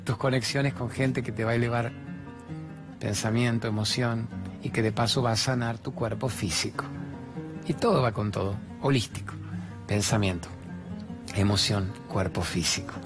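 An older man with a Rioplatense Spanish accent delivers an animated spiritual pep talk, his pitch swinging as he jumps into other people's voices. A faint music bed runs under his voice. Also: moderate pace. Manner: playful, acts out dialogue in raised voices. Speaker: host giving motivational talk.

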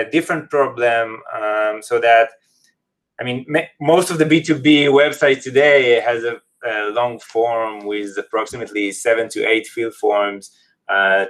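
Guy, medium pitch, explaining stuff on a podcast in slightly english. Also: fairly bright tone, poor audio. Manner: non-native English phrasing. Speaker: company representative, podcast guest. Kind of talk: casual interview, explaining a product.

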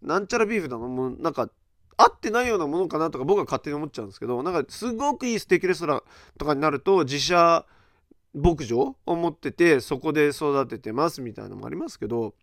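Lively middle-aged man hosting a podcast. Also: on the high side, quick pace, dry recording, clean studio sound. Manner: animated storytelling, acting out others' reactions; loose and rambling, with many fillers. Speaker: podcast host. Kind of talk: casual podcast chat.

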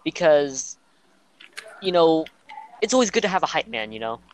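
A man's voice: a little high, very animated, normal speed, a little hiss or hum. A young man co-hosting a podcast, chatting casually and rambling through band stories while acting out what people said. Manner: rambling storyteller, acts out quotes. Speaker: podcast co-host and band member. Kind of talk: casual chat.

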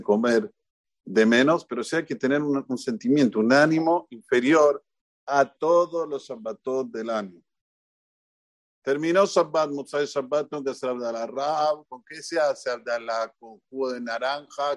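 A man's voice: medium pitch, dry recording. A man with an Argentine Spanish accent giving an informal Torah talk as a rabbi in a synagogue, joking, quizzing the congregation and repeating points for emphasis. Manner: lively, jokey, questions the audience, repeats for emphasis.

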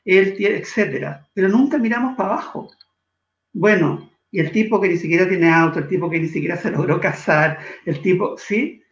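A man's voice: high-pitched, creaky, highs cut off. Earnest man on an echoey call. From Chile. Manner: earnest, measured, shifts between slow emphasis and quick asides. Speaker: guest. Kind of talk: reflective interview talk.

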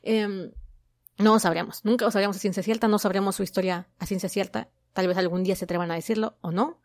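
A woman talks through a casual fan commentary. She gushes, gets excited and slips into acted-out quotes. Her voice sits at an ordinary middle pitch. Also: quick pace. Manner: gushing, excited, acts out quotes. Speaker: K-pop fan vlogger.

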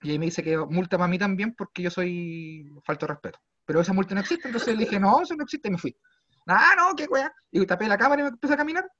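A young Chilean man with a Chilean accent telling a comedic story casually, swearing freely and swinging between low mutters and loud exclaims. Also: very fast, few pauses. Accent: Chilean Spanish. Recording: slightly dull lo-fi sound.

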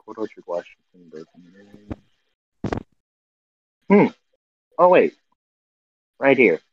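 A man co-hosting a casual podcast over a video call, reading out news headlines in a halting way full of fillers and self-corrections while his audio breaks up. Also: mid-range voice, big pitch swings, slight background noise. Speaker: podcast co-host. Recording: dull, muffled call audio.

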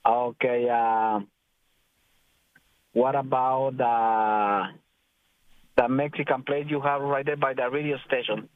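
A man calling in by phone while driving, who talks hesitantly and pauses to search for names. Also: mid-range voice, steady tone, dry recording. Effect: speaking on the phone from a moving car. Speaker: radio show caller. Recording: tinny phone line, dry.

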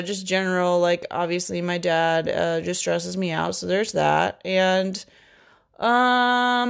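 A woman's voice: on the low side, vocal fry. A young adult woman hosting a podcast, venting in a blunt, profane, rambling monologue. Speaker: podcast host.

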